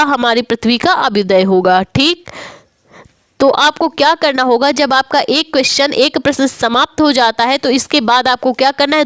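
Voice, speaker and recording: A woman's voice: high-pitched, fairly bright tone, no echo, clean studio sound. A woman teaching an exam-prep lesson, explaining step by step and asking herself questions before answering them. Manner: explains step by step, repeats "ठीक है" and rhetorical questions. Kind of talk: exam-prep lesson, reading passages aloud.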